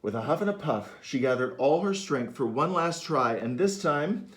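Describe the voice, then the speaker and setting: A man reading his picture book aloud to children, animated and inviting them to join in. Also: fairly high pitch, normal speed. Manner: animated, asks listeners to join in. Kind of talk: interactive read-aloud for children.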